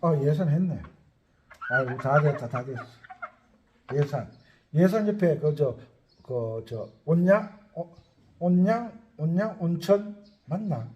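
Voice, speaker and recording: Rambling in casual talk to his viewers, a man who teaches accordion thinks aloud as he lists places. His somewhat high voice has lively intonation, a slow pace and long pauses; the highs are cut off and the background is noisy.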